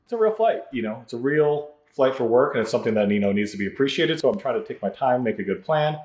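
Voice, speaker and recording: A man's voice: medium pitch, animated, fast, a little mellow. An American man narrating a casual video blog in an informal, thinking-aloud way. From Michigan, United States. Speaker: pilot video blogger. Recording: roomy echo, faint music behind.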